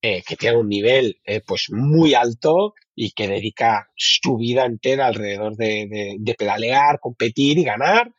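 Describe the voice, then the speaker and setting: A man's voice: medium pitch, a little slow, few pauses, dry recording, muffled recording. A man from Spain with a Spanish accent, a bike fitting expert talking keenly in an interview, often repeating and restarting words. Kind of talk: casual interview talk.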